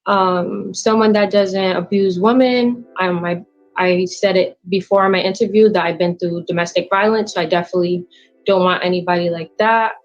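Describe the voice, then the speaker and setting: A woman in her late twenties calling into a show, speaking hesitantly with many pauses and ums. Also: fairly low pitch, fairly even intonation, faint music behind. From United States. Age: 20s. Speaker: caller. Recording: dull lo-fi call audio.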